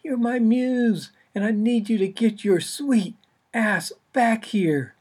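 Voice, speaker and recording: A woman's voice: fairly high pitch, slow pace, a little mellow, breathy edge, pitched above the performer's own voice. Woman playing a harried, blocked novelist. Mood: pleading. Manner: meek, then pleading. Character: harried female romance novelist, meek and blocked.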